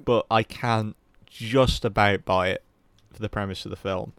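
Low, smooth-voiced man chatting films. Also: fairly even intonation, unhurried, a bit bright, dry recording. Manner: candid, rambling, swears casually. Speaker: podcast co-host. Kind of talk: casual film review chat.

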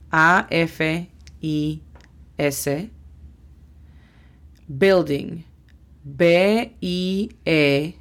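A woman teaching English vocabulary, spelling out each word sound by sound. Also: on the low side. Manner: slow, spells words out sound by sound. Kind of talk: language lesson.

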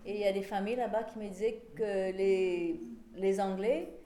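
Mellow-voiced woman in an echoey room. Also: mid-range voice, steady tone, moderate pace. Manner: hesitant, searching for words, mixing in English terms. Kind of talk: informal explanation in a group discussion. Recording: echoey room, faint background noise.

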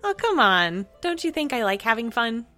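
A woman's voice: a little high, very animated, moderate pace, pushed and bright. A woman talking casually in role-play as a player in a tabletop game. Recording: music playing behind the voice.

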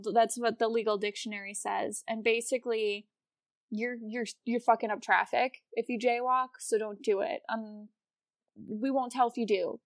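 A woman with an American accent and a fairly high voice chats as a podcast host. She is casual, irreverent and happy to swear. The sound is very dry, with no room on it. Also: dry recording. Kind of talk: casual comedic podcast chat about history.

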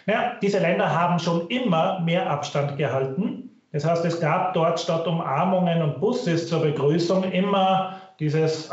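Man, middle-aged, measured expert guest; low-quality stream, dull and very echoey. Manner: thoughtful, weighs options carefully. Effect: low-quality online stream audio. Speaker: finance professor guest. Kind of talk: measured expert interview answers. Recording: very echoey, muffled online stream.

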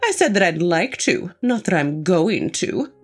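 A woman's voice: fairly low pitch, very animated, a little slow. Doctor Venezia, a woman playing an eccentric doctor. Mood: playful. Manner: theatrical, over-formal. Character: eccentric scatterbrained woman doctor, nosy and theatrical. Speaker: voice actor in an audio drama. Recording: faint music underneath.

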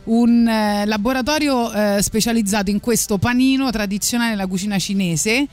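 A woman's voice: a little high, normal speed, soft background music. A woman hosting radio in a casual, live chat style, rambling and hesitant as she goes. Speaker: radio host.

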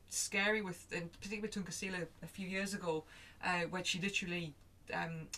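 A woman's voice: medium pitch, fairly bright tone. A woman, speaking as a guest in a reflective conversation, thinking aloud with restarts and quoted asides. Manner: acts out her own thoughts in quoted asides.

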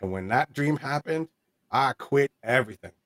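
A man's voice: medium pitch, expressive, moderate pace, fairly bright tone. A man in his forties telling a candid personal story in an interview, earnest and rambling, with many fillers and restarts. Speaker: interview guest.

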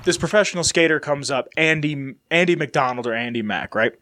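With a fairly high, brisk, bright voice and a forceful tone, a man chats loosely on his casual solo podcast despite being stuffy from a sinus infection. There's slight noise in the background.

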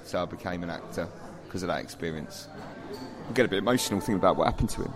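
An English man, an actor co-hosting a theatre podcast, banters and tells stories with mock-earnest drama. His voice sits low and moves very fast, with a crowd audible in the background.

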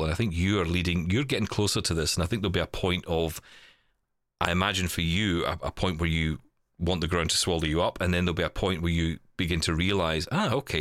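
A podcast co-host with a very low-pitched yet fairly bright voice chats reflectively and casually, hedging carefully, qualifying his points and correcting himself as he rephrases. The recording is close and dry.

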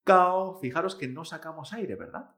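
A man's voice: a little high, big pitch swings, unhurried, a bit bright. A man, a Chinese teacher, giving a pronunciation lesson, drawing out model syllables and checking in with "¿eh?". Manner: addresses the listener directly, prompting repetition.

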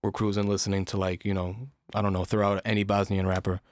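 Fast-talking low-voiced young man. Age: young adult. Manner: relaxed, probing questions, loose rambling phrasing. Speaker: podcast host. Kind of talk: casual podcast chat.

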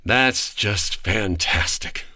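A man's voice: on the low side, very slow, pushed and bright, heavily acted. An actor playing an exasperated, sardonic 1940s man in a noir comedy radio drama, with a dry and formal way of talking. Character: exasperated, sardonic 1940s male writer dragged into trouble.

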